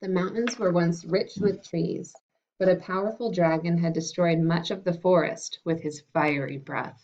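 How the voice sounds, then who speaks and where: Teacher lady reading a storybook to her class, friendly and unhurried, lowish voice, dull lo-fi audio. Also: fairly even intonation, a little mellow. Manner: friendly and unhurried, with some fillers. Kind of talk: reading a picture book aloud to a class. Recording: dull lo-fi recording.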